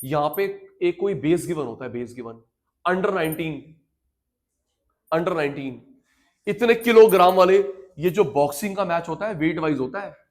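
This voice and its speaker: A man teaching a classroom lecture, his voice sitting fairly high for a man. He talks straight to his students in an animated way, drops low and quiet for stories, then rises loud for key points. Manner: animated, addresses students directly, swings from quiet storytelling to loud emphasis.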